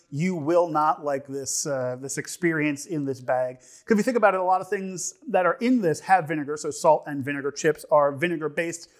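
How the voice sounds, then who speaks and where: A young man with a fairly high-pitched voice talks through a casual food review. He rambles in a halting way, often repeating himself, and slips in humorous asides as he goes. The voice is picked up by a lapel mic indoors. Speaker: snack reviewer. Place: indoor studio set with dark curtain backdrop.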